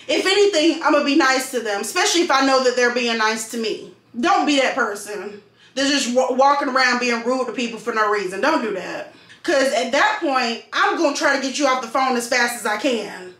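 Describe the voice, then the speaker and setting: Woman, high-pitched, casual emphatic venting, recorded in an echoey room. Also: fairly bright tone. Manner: emphatic, repeats phrases for stress. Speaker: vlogger and call center customer service worker.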